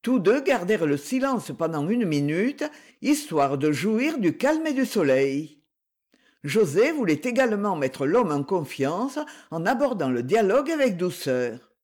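An audiobook narrator reading a novel aloud in an even storytelling manner. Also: mid-range voice, unhurried. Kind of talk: scripted narration.

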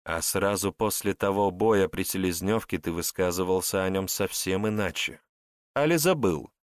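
A man's voice: deep voice, moderate pace, dry recording, clean studio sound, lightly acted. A man voicing a cold, scornful adult tsaritsa who mocks and presses her brother. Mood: icy mockery. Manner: icy, mocking, pressing.

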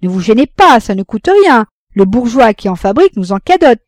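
A woman reading a novel aloud, voicing a brash working-class young woman who mocks loudly. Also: on the high side, big pitch swings, fairly quick, dry recording, pitched above the performer's own voice. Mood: mocking. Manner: loud, mocking.

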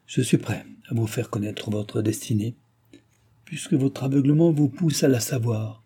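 A man voicing a mysterious sorcerer, firm, solemn and quietly threatening, in an audiobook reading. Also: medium pitch, normal speed, slightly rough, natural voice. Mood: grave. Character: mysterious male sorcerer, grave and menacing.

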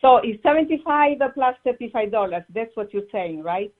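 A woman's voice: on the high side, lively intonation, normal speed. A woman on a phone call, firm and insistent, repeating her demands. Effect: clipped phone line. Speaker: prank call target. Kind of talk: phone argument. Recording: tinny phone line.

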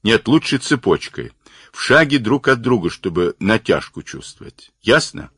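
A man reads as a gruff, blunt polar driver in an audiobook, his voice very low and swinging widely in pitch. He grumbles his orders, and the recording is dry and close. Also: sing-song, moderate pace, a bit bright, no room sound, exaggerated voice. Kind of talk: audiobook reading.

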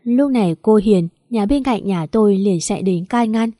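A woman's voice: medium pitch, moderate pace, dark tone, no room sound, studio quality. A woman narrating a first-person story in a sorrowful, confessional manner.

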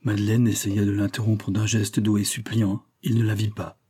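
Audiobook narrator, man, measured dramatic reading, dark and husky. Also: lowish voice, little pitch movement. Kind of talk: scripted literary narration.

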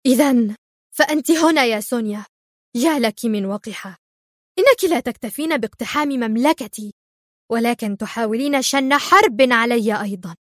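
A woman voicing a ruthless, quick-tempered female crime boss who snaps orders, in an audiobook. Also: on the high side, lively intonation, dry recording, clean studio sound. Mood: scheming. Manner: sharp, imperious, snapping orders. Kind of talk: audiobook character voice.

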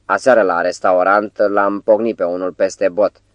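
Blunt sheepish young poet, low voice, dry recording, read by a man. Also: fairly even intonation, dry recording, lo-fi sound, close to an everyday voice.

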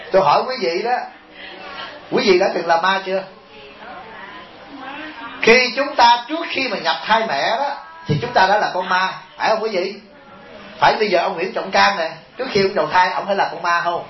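A man preaches as a monk, telling stories in a joking, chatty way. His voice sits a bit high. The recording is dull and lo-fi, with a roomy echo. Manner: joking, chatty storytelling to an audience. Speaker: monk giving a dharma talk. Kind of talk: sermon. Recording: echoey, dull lo-fi room recording.

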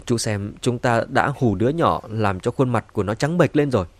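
A man doing a smooth, placating schemer. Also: medium pitch, expressive, fairly quick, no echo, lightly acted. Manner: soothing, conciliatory. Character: smooth, placating middle-aged man, cunning peacemaker.

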